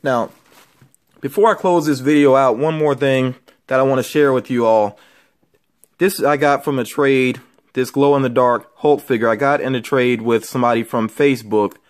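In a relaxed show-and-tell, a male toy collecting vlogger presents items to his viewers from an indoor room with shelves of figures. He speaks at a moderate pace with a steady tone and medium pitch.

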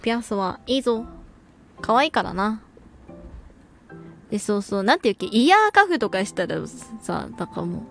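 A woman's voice: medium pitch, sing-song, normal speed, vocal fry, pauses often, faint music behind. A young woman streaming as a VTuber, chatting casually and reading viewer comments, laughing often and using slangy speech.

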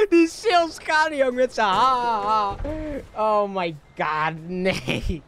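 Excitable streamer. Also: mid-range voice, takes it slowly, a little hiss or hum. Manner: excitable, laughs often, drops English slang. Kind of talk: live gameplay commentary.

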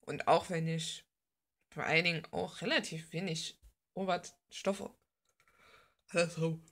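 Speaking at a measured pace with fairly even intonation, this woman has a deep, somewhat bright voice. Her chatter while she draws is informal, blunt and full of slang, rambling as she gushes over details in the manner of a casual art vlogger.

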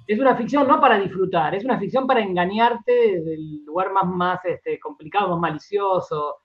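An Argentine man, a radio drama director, speaks as an interview guest in a high voice at normal speed. He lays out his thoughts in repeated fragments, repeating words and frequently ending with short tag questions like "¿no?" and "¿sí?". The audio sounds somewhat dull and lo-fi.

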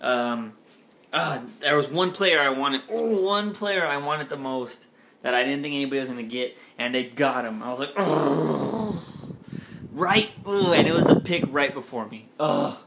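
A man's voice: medium pitch, moderate pace, noisy background. A young man from the United States chatting casually in a vlog, rambling, joking and cutting himself off mid-sentence. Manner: rambling, jokey, self-interrupting. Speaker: vlogger.

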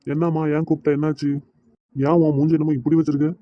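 A man's voice: fairly high pitch, fast, no echo, highs cut off, lightly acted. A man voicing an easygoing, teasing father in a cartoon, with a Kanyakumari Tamil accent. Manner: calm, teasing.

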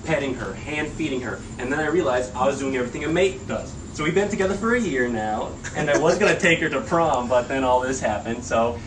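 A man presenting his pet crow on a kids' show, telling a deadpan comic story. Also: medium pitch, fairly quick, few pauses. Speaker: animal keeper presenting a crow. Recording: echoey room, distant mic, background noise.

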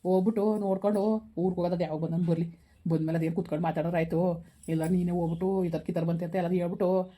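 Woman playing a gruff old village uncle. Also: fairly low pitch, steady tone, fast talker, warm tone, lightly acted. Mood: resigned. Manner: gruff, blunt, questioning. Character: stern elderly village father-in-law, suspicious. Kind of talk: village skit acting.

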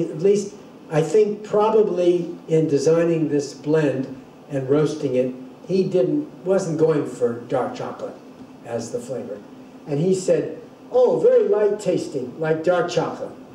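A man's voice: a little high, dark tone, a little hiss or hum. An older man giving a university lecture, explaining things thoughtfully and often restarting his sentences. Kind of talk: classroom lecture. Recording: echoey room, distant mic.

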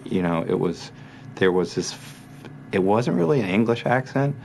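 A man's voice: on the low side, lively intonation, moderate pace, creaky, a little hiss or hum. A man explaining old studio-era ways in a conversational documentary interview.

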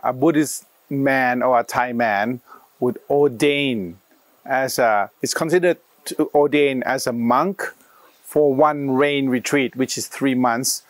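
A man in his fifties from Australia, telling his personal story in an interview outdoors, pausing often with fillers and restarts. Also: mid-range voice, dry recording. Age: 50s. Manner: halting, many fillers and restarts. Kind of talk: reflective personal account. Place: outdoors in a leafy garden.

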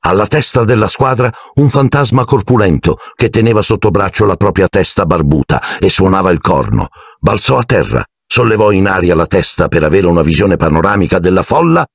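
A man reading an audiobook aloud in an expressive, animated way. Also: deep voice, no echo. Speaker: audiobook narrator. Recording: dry close recording.

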